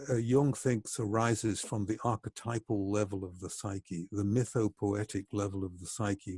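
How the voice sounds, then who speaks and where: A man with a low voice gives a reflective lecture in a measured, explanatory way. His tone is husky and mellow. The sound is dry and close. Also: no room sound. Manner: measured and explanatory, slowing for emphasis.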